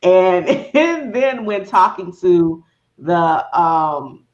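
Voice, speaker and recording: A woman's voice: fairly low pitch, lively intonation, extremely slow, darkish tone. Woman host chatting on a lo-fi recording. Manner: rambling storytelling, acting out her own inner quotes. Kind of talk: casual chat. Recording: dull, lo-fi sound.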